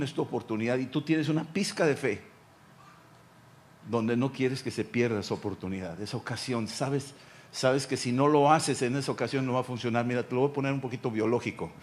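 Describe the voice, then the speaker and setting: Man preaching a sermon. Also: medium pitch. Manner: direct, speaks to listener as "tú", acts out Bible voices. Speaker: pastor.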